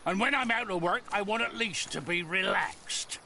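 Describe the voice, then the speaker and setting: A man's voice: sits high, moderate pace, vocal fry, sharp tone, slight background noise, full character voice. An actor playing a lazy, drunk male laborer who talks back defiantly, in video game voice acting. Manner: defiant, sulky.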